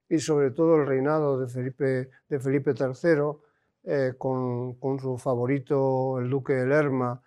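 A man with a mellow, smooth, resonant voice lectures to an audience. He pauses often and restarts phrases as he works through his points. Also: mid-range voice. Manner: hesitant, with frequent fillers and restarts. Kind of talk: academic lecture.

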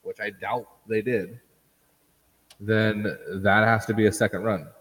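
A man's voice: lowish voice, steady tone, unhurried, fairly bright tone. A man co-hosting a casual chat, explaining carefully with hesitant fillers. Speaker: podcast co-host. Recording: long reverb.

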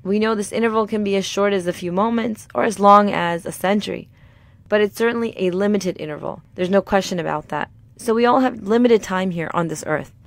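A middle-aged woman hosting a podcast. She reads a scripted talk in a calm, measured way, and a sore throat leaves her voice slightly raspy. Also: medium pitch, no echo. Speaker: podcast host.

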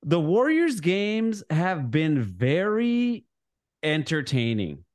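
A man's voice: a little high, huge pitch swings, takes it slowly, no echo, studio quality. A man co-hosting a sports podcast in casual chat, rambling, often restarting his sentences and laughing. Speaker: podcast co-host.

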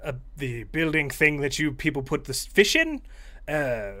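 Brief: a man voicing a pompous, gossipy cat, hushed and hesitant, bright tone. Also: on the high side, big pitch swings, moderate pace. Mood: conspiratorial. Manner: conspiratorial, fussy, hesitant British-style toff talk. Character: posh gossipy male cat, well-groomed and regal.

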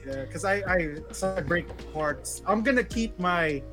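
A young man chatting excitedly and slangily with friends on a podcast, swearing freely. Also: high-pitched, a little slow, over music. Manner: excitable, slangy, swears, puts on a nerdy voice at times. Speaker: podcast co-host. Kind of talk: casual chat among friends.

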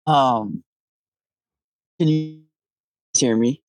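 A man speaking casually over a glitchy online call, his words chopped off and breaking up into robotic stutters as the line drops. His voice sits at a middling pitch, and the sound is dry and close with no room around it. He greets people in a halting, repetitive way. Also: no echo. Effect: choppy audio cutting out, with robotic glitches. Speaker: guest speaker invited on stage. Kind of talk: casual chat on a live audio call.

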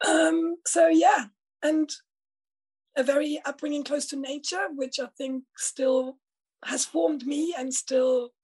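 A woman's voice: sits high, fairly even intonation, takes it slowly, a little mellow, poor audio. A woman from East Germany, a middle-aged health and life coach, telling her story in a reflective, thoughtful way during an interview. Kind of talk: casual conversational interview.

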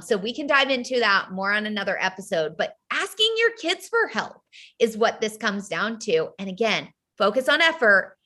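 Bright chatty woman cohosting a podcast, says "like" a lot, easygoing. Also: medium pitch. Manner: chatty, lots of filler "like". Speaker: podcast co-host. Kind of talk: casual podcast chat.

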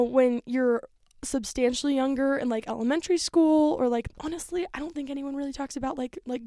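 A woman's voice: high-pitched, warm tone, no echo, clean studio sound. A nineteen-year-old woman hosting a casual solo podcast, rambling and chatty with lots of fillers. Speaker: podcast host.

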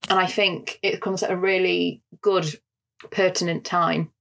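Northern English woman with a gravelly low voice. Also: fairly even intonation, a little slow, fairly bright tone. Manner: articulate, explanatory, frequent fillers. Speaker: podcast co-host. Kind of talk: film discussion podcast.

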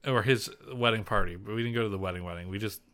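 A man's voice: fairly low pitch, quick pace, a bit bright. Rambling male podcast co-host. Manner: rambling, lots of fillers and restarts, laughs often. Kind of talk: casual chat.

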